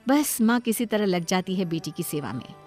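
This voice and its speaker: A woman's voice: medium pitch, animated, moderate pace, darkish tone, faint music behind. Woman narrating a cartoon story.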